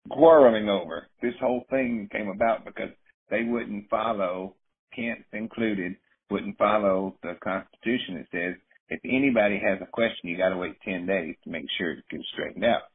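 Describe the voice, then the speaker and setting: Male discussion commentator, low husky voice, opinionated casual delivery, narrow-band audio. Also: moderate pace. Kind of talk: casual interpretive political chat.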